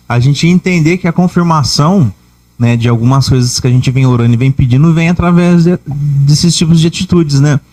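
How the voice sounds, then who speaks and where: A man's voice: fairly high pitch, warm tone. A Brazilian man hosts a podcast in an easy conversational tone. He sums up points reflectively and affirms what his guests say. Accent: Brazilian Portuguese. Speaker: podcast host. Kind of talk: casual chat.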